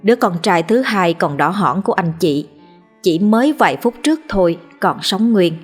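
Woman, ghost story narrator, measured, somber, mid pitch, faint music behind. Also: animated, husky.

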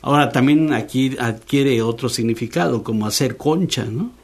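A man's voice: mid-range voice, moderate pace. Mexican guy hosting radio chat, keeps tossing in little questions, mid voice. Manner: chatty, frequent tag questions. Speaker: radio host. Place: radio studio.

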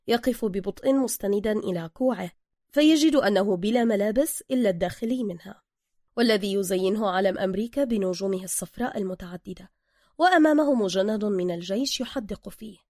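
A woman with an Egyptian accent narrating a story aloud and voicing its characters in a lively manner. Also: medium pitch, dry recording, clean studio sound. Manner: lively, shifting between many character voices. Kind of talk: storybook narration with acted voices.

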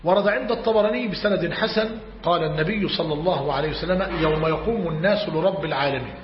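A man's voice: fairly high pitch, fast, a little hiss or hum. A man teaching a religious lesson. He reads a commentary aloud and explains it. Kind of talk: lecture on creed. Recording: echoey hall, muffled lo-fi.

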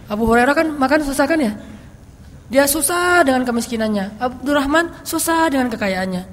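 A woman giving a casual religious study talk as a preacher, telling stories in a lively, chatty way. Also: sits high, moderate pace, a little hiss or hum. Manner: lively storytelling, chatty asides. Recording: long hall reverb.

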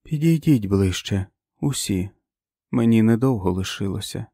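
A man voicing a frail, very old prophetic woman who speaks slowly and solemnly, in an audiobook. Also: lowish voice, animated, mellow, no echo, studio quality. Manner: slow, solemn, preaching. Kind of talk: audiobook character voice.

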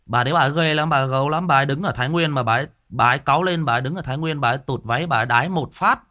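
This northern Vietnamese host, from Thai Nguyen, talks casually and emphatically to the audience of his ghost story channel. He speaks very fast at a medium pitch, and his tone is sharp.

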